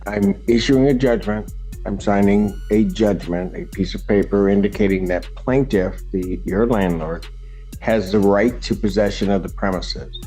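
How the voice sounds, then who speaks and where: A man's voice: fairly low pitch, steady tone, normal speed, dark tone, faint music behind, poor audio. A man serving as judge, patiently explaining a ruling step by step in a courtroom recording. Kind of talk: courtroom proceedings.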